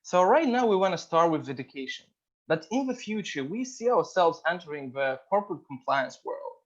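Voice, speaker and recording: Man pitching over muffled video call audio. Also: sing-song, normal speed. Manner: earnest, with frequent "uh" fillers. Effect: video call audio while sharing his screen. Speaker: startup founder pitching. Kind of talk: demo day pitch presentation. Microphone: computer microphone on a video call.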